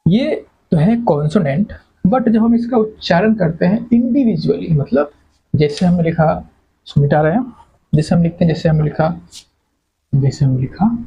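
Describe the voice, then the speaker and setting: A man's voice: fairly high pitch, creaky, husky, dull audio. A man teaching English grammar to exam students, repeating words and quizzing the class with questions. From India. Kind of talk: classroom lecture.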